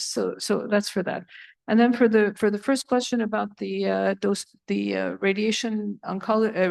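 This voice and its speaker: Panel expert: woman with vocal fry, relaxed explanatory tone. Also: medium pitch. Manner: conversational, thinking aloud with fillers. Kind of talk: answering questions on a conference panel. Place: conference hall.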